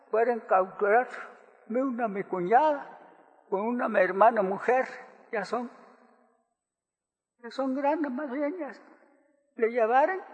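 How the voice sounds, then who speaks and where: An older man from Guatemala giving halting, soft-spoken testimony as a witness in court. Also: very high voice, big-room sound.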